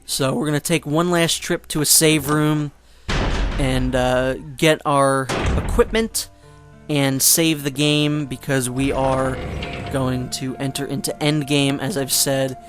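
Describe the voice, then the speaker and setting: A man's voice: mid-range voice, steady tone, takes it slowly, over music. A man giving casual gameplay commentary, rambling with joking asides and fillers. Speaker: let's play commentator.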